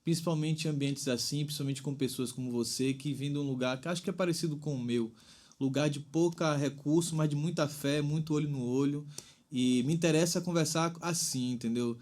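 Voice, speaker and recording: A man in his thirties from Bahia, Brazil, appears as a singer-songwriter guest in a reflective interview, speaking briskly in a fairly high voice with a darkish tone. Thoughtful and rambling, he talks at length and keeps tagging his phrases with "né?".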